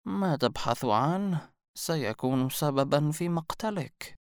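A man voicing a mysterious old woman hermit, slow and scornful, in a storybook reading. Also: deep voice, lively intonation, clear, resonant tone, no echo, clean studio sound, voice pushed up. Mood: ominous. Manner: slow, mocking, ominous delivery.

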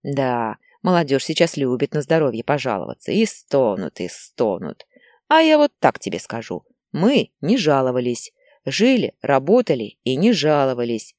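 A woman's voice: extremely low pitch, very animated, normal speed, darkish tone, no echo, clean studio sound. A woman voicing a pompous older man who lectures and scolds the young, read in an audiobook story. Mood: lecturing. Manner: moralizing, scolding.

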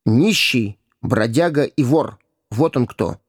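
A man's voice: medium pitch, expressive, slow, slightly rough, no room sound, clean studio sound, exaggerated voice. A man voicing a haughty boy king in a storybook reading, speaking curtly and coldly. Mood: contemptuous. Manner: curt and cold. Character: proud young boy king, scornful, stubborn.

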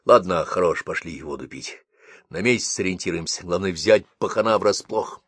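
A man's voice: low voice, moderate pace, fairly bright tone, breathy edge, no room sound, studio quality. A man voicing a crafty, talkative police sergeant with a bossy manner. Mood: sly. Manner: chatty, wheedling, bossy.

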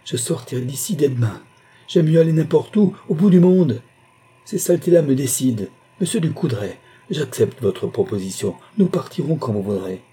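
A man's voice: fairly low pitch, sing-song, normal speed, hardly any pauses, warm tone, husky, full character voice. A man voicing a proud, indignant middle-aged wife who laments her lost standing in a storybook reading. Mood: defiant. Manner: lamenting and haughty.

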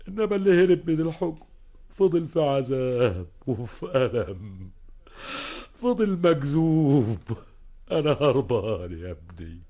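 A tormented, anguished holy fool with an Egyptian accent, his voice sitting at a plain middle pitch. He pleads in a broken way, as in an old radio drama. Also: measured pace, gravelly, warm tone. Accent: Egyptian Arabic. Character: tormented older holy fool, a fugitive from himself.

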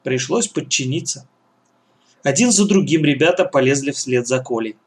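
A man's voice: mid-range voice, animated, normal speed. A man reading a children's adventure story aloud as the narrator. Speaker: audiobook reader.

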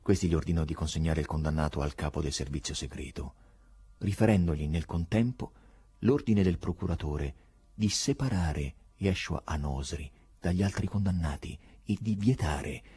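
Husky deep-voiced male narrator. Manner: expressive, theatrical reading. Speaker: audiobook narrator. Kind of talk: dramatic audiobook narration.

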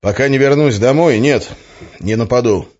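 A man's voice: medium pitch, moderate pace, darkish tone, voice pushed up, natural voice. A man voicing a tired, irritable grown magician in an audiobook, speaking curtly with a grumbling edge. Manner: curt, grumbling, flaring into outbursts. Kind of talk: audiobook character voice. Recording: slightly muffled lo-fi recording.

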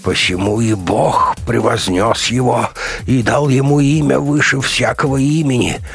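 A man voicing a crazed bearded doctor who rants in slow, preachy tones and then whimpers for mercy. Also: medium pitch, fairly bright tone, husky, voice pushed up. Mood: raving. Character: crazed bearded male doctor, fanatical and frightened.

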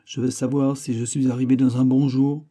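A man voicing a bold, middle-aged male musketeer who asks brisk, teasing questions. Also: mid-range voice, flat delivery, dark tone, pitched above the performer's own voice, natural voice. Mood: eager.

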